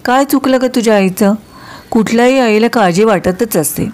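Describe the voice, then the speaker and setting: A woman's voice: a little high, moderate pace, darkish tone, close to an everyday voice. A woman voicing Mahi, a caring young woman who talks her friend round in a coaxing tone. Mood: reasoning. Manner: coaxing, reasoning.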